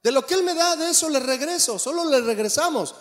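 A pastor delivers an animated sermon, his voice pitched high for a man. He keeps turning to the congregation with questions. The sound carries a long reverb from the church hall. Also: brisk.

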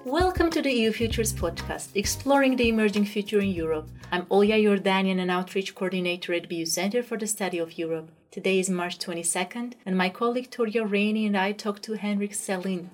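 A woman podcast host reading a scripted introduction with a clear, even delivery. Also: mid-range voice, fairly quick, hardly any pauses. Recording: faint music bed behind.

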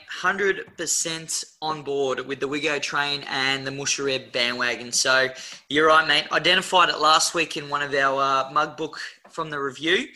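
Bright, punchy Australian man talking racing. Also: medium pitch. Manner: blokey, slangy. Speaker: horse racing tipster and co-host. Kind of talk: casual racing preview chat.

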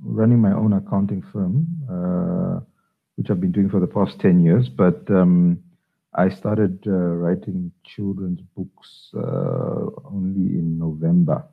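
A man's voice: low-pitched, slow pace, gravelly, slightly rough. A middle-aged man from Zambia, a children's author answering interview questions with many hesitations and restarts. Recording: tinny phone-like line.

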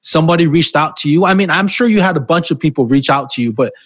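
A man's voice: on the high side, lively intonation, fast, dry recording. A man hosting a podcast, chatting casually, sharing anecdotes and asking his guest questions. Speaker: podcast host. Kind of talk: casual interview.

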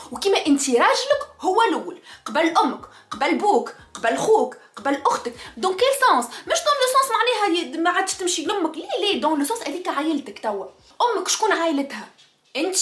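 A woman with a Tunisian accent speaks straight to her viewers in a spontaneous monologue. She talks quickly in a high voice and hammers her points home by repeating them. The recording has a roomy echo. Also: a bit bright. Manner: passionate, emphatic, repeats key phrases. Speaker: vlogger.

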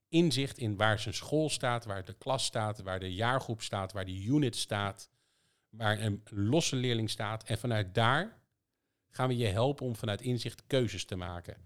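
A man talking in a relaxed podcast conversation, explaining how his company's system works for schools and stressing his points with many rhetorical questions. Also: on the low side, unhurried. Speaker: education software provider.

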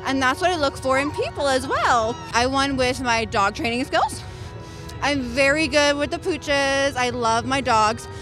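A woman's voice: high-pitched, lively intonation, measured pace, fairly bright tone, soft background music, poor audio. A woman playing a vain 1980s beauty queen who brags about her talents. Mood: boastful. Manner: boastful, self-satisfied bragging.

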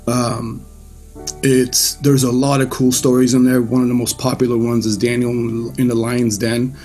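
A man from Iran giving his personal faith testimony to a church group in a casual, loose way, with frequent pauses and restarts. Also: medium pitch, level tone, darkish tone, faint music behind.

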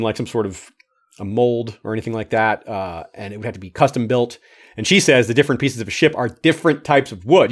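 A man on a livestream reads out a listener's notes and stops to comment between them. He has a medium-pitched voice and an easy, conversational manner. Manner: reads comments aloud, adds own remarks with laughs. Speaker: podcast host reading listener comments. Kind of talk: casual livestream chat. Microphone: streaming microphone.

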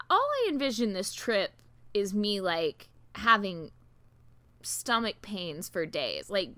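A woman's voice: mid-range voice, a bit bright. A woman chatting casually as a podcast co-host, giggly and self-deprecating, her speech slightly thick and slurred as if from a swollen tongue. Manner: giggly, self-deprecating, filler-heavy rambling. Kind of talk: casual chat.

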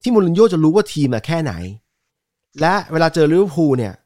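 A man's voice: a little high, quick pace, no echo, studio quality. A man co-hosting a casual football podcast, emphatic and slangy. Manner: animated, emphatic, crude slang. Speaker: podcast co-host.

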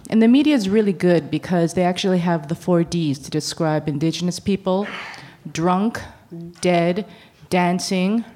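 A woman's voice: on the low side, moderate pace, dark tone. Blunt, sarcastic woman giving a talk. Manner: blunt, sarcastic, acts out quoted exchanges. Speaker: invited speaker at a public talk. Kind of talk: public talk. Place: university lecture event.

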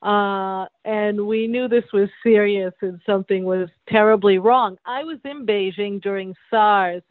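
A woman, a gallery director being interviewed, recounting events in a halting way with restarts, heard over a low-quality remote stream. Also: no echo. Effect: low quality stream, phone-like sound. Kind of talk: interview answers. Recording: dry, tinny remote call line.

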